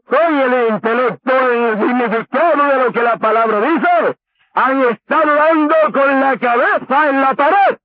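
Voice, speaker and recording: High-voiced preacher on tinny, dry old tape. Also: male voice, dry recording. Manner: rhetorical questions, slow emphatic preaching. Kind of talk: sermon. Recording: tinny phone-like old recording.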